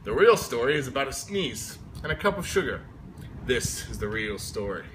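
A man's voice: mid-range voice, very animated, moderate pace, lightly acted. A man reading as a chatty, aggrieved storybook wolf who pleads innocence, in a folksy, emphatic way. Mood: mock innocent. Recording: noisy amateur phone video recording.

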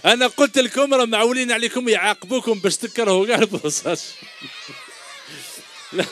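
Quiz questions fly from a middle-aged host with an Algerian Arabic accent as he teases a large crowd of kids at an outdoor children's show, playfully calling them "my dears" into a handheld microphone. He speaks fairly quickly in a very high, slightly bright voice, with a faint crowd and a bit of background noise.

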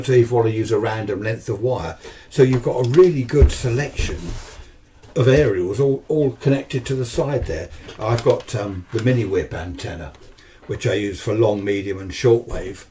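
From a cluttered home radio workshop comes the mid-range, dark-toned voice of an older man, 60s or 70s, with a southern English accent, with a little hiss or hum on the audio. He's an amateur radio hobbyist presenting a video. Chatting casually, he rambles through an unscripted demonstration with asides and questions to himself.

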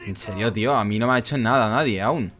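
A man's voice: on the low side, fast. A young man with an accent from Spain commentating his game, ranting in exasperation and swearing often. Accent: Spanish from Spain. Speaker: gaming YouTuber. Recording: game sound and music behind.

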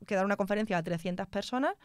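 A woman's voice: medium pitch, rapid-fire, clear, resonant tone, no echo, studio quality. Young woman from Spain, engineer guest, candid chatter, clean resonant tone. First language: Spanish. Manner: candid, reflective, laughs often. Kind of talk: casual interview chat.

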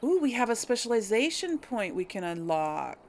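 A gaming video host and player offers casual game commentary, thinking aloud in a tentative way. Her voice is a little high and slightly mellow, sing-song at normal speed, with some background noise in the recording.

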